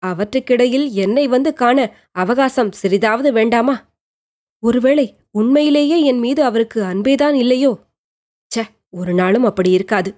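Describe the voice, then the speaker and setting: A woman's voice: on the high side, a little slow, a little mellow, lightly acted. A woman voicing a bedridden young woman, lovesick and brooding, questioning herself in an anxious inner monologue.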